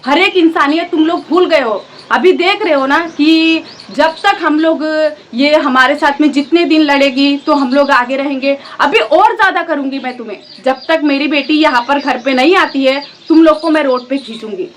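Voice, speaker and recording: A woman's voice: sits high, normal speed, few pauses, slight background noise. A woman vlogger in her thirties from India, angrily and defiantly scolding her family straight to camera. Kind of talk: angry direct-to-camera vlog rant.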